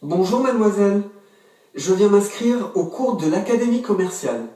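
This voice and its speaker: A man playing a young Swiss man enrolling in business school, in a scripted language-course dialogue with slow, careful delivery, heard from far off in an echoey room. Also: high-pitched, lively intonation, mellow. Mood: plain. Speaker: student registering at a school.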